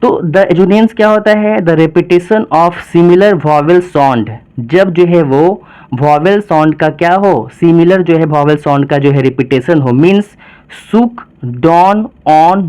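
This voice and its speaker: A man with a somewhat higher-pitched voice teaches a poem to students. He talks in with many filler phrases. He slows down to stretch out and repeat the key terms. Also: a little mellow, clear, resonant tone, low-quality recording. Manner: heavy use of filler phrases, slow emphatic repetition of key terms.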